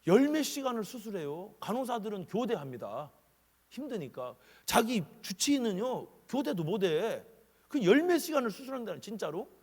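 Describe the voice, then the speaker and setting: A middle-aged man delivers a revival sermon in a husky, slightly high voice. His pitch swings widely as he preaches and acts out quoted voices. The long reverb of a church sanctuary hangs behind every phrase. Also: sing-song, normal speed, a little mellow. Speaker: guest preacher.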